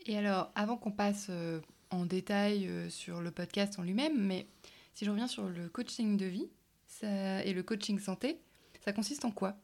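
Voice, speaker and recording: A woman asking podcast interview questions in a clear, direct way. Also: mid-range voice, normal speed, a little mellow.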